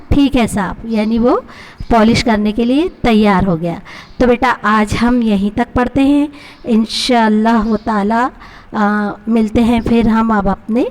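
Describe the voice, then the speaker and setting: A woman's voice: on the high side, darkish tone. A woman teacher with a Pakistani accent, reading a story to her class and explaining each line with questions to her pupils. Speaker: Urdu teacher.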